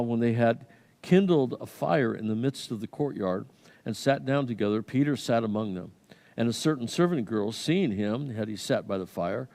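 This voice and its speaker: A pastor preaches in a casual, lively storytelling way, rising to loud peaks and dropping to near hushes. His voice has a middle pitch for a man. It rings out with the long reverb of a church hall. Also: vocal fry. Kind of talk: sermon. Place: church sanctuary.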